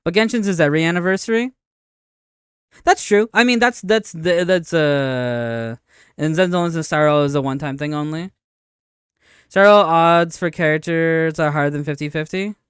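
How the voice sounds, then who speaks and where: A man streaming casual live commentary, arguing his points in an insistent, halting way with frequent repetition. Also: on the high side, fairly bright tone, clean tone, dry recording, studio quality. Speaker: streamer reacting to a video and answering chat. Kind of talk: casual live commentary, debating game updates.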